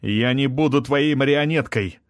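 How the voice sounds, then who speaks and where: A furious young prince hurling defiant insults, as a male reader acts him out. His voice sits at a middle pitch, recorded close and dry. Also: normal speed, dry recording, lightly acted. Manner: angry, defiant outbursts.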